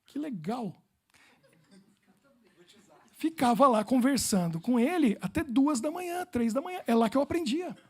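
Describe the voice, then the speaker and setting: A man's voice: extremely high pitch, expressive, a little fast, a little mellow, breathy edge. A Brazilian man preaching as a pastor, telling personal stories with humor and playful repetition.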